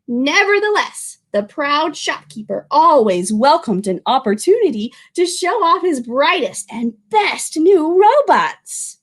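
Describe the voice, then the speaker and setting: A woman reading a picture book aloud as a children's librarian, expressive, drawing out words and speaking to young listeners. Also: high voice, a little slow, hardly any pauses.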